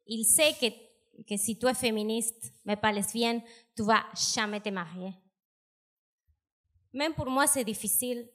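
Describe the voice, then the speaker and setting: A woman doing a deadpan stand-up set on a comedy club stage. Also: a little high. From South America.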